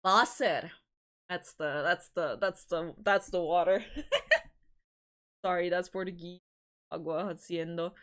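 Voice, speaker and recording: A woman's voice: fairly low pitch, steady tone, takes it slowly, long pauses, a bit bright. A woman hosting a livestream, chatting casually with viewers in a giggly, rambling way, often restarting her sentences. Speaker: livestream host.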